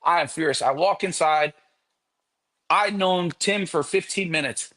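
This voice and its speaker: A man's voice: a little high, a little slow, bright, forceful tone. A man guesting on a podcast, telling a long story casually and animatedly, with frequent swearing.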